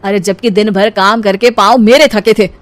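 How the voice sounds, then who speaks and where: A woman's voice: mid-range voice, fairly even intonation, normal speed, natural voice. A woman voicing a tired, exasperated young husband who grumbles emphatically in a cartoon story. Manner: complaining, emphatic. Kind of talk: cartoon story character acting.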